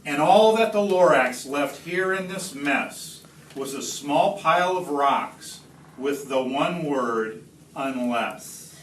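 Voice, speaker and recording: A man reading a rhyming picture book aloud expressively, slowly and deliberately, with dramatic pauses. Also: a little high, expressive. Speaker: read-aloud storyteller. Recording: roomy, distant phone capture, faint noise.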